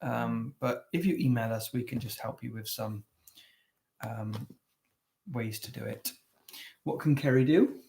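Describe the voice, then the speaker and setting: A man's voice: mid-range voice, a little slow, gravelly, pauses often, mellow, slight background noise. Man, co-host, earnest coaching tone, mid-range voice, casual webinar talk. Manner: earnest, conversational, many restarts. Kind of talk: casual teaching chat.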